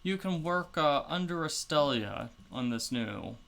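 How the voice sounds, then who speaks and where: A man's voice: on the high side, animated, unhurried, vocal fry, fairly bright tone, voice pushed up, heavily acted. A man voicing an amused older male noble who heads a house, speaking in a wry, teasing, lordly manner.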